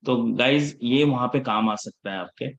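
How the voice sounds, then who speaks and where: A man gives a live class in a loose, chatty teaching voice, switching easily between Hindi and English. He checks in with his students every few sentences and scolds them a little about missed classes. His voice sits at an ordinary middle pitch. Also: normal speed, muffled recording. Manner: casual Hinglish teaching, checks in often with the class. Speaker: instructor.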